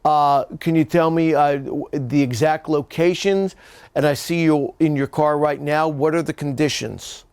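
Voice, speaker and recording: Halting male news anchor, higher-pitched voice. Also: steady tone, darkish tone, clear, resonant tone, no echo. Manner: halting, rephrases questions midway. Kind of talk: live weather coverage interview.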